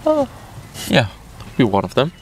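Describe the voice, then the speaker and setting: A man's voice: mid-range voice, wildly swooping pitch, unhurried, noisy background. A young man from Denmark, a native Danish speaker, chatting casually with a hesitant manner and many fillers. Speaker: volunteer. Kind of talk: casual group chat.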